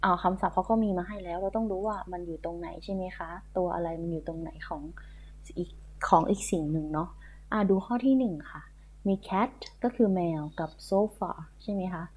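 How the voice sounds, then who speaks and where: A woman's voice: on the low side, normal speed, darkish tone. A woman teaching a primary school English lesson online, patiently repeating and spelling words letter by letter. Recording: tinny phone-like audio.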